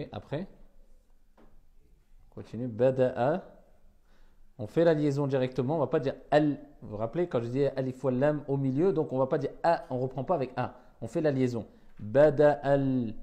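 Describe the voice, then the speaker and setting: Brief: male teacher drilling pupils in a classroom, unhurried and patient, mid-pitched voice. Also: dark tone. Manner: patient, repeats words and corrects pupils. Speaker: Arabic reading teacher. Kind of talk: classroom reading lesson.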